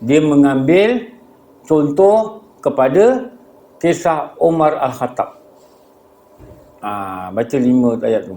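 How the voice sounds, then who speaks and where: A man's voice: mid-range voice, lively intonation, slow pace, pauses often, dark tone. A man with a Malaysian Malay accent giving a mosque lecture, telling a story with rhetorical questions and acting out the dialogue. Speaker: religious teacher. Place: prayer hall. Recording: echoey prayer hall.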